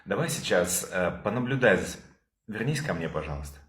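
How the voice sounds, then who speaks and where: A man leading a calm therapy session over a video call, probing with repeated questions. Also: deep voice, brisk, echoey room.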